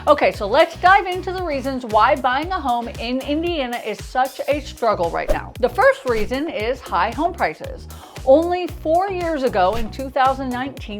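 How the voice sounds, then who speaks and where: A woman with an American accent speaks in a fairly high voice, with a noticeable lisp that whistles on her s sounds. She delivers a scripted explainer as a realtor hosting her own video, over background music.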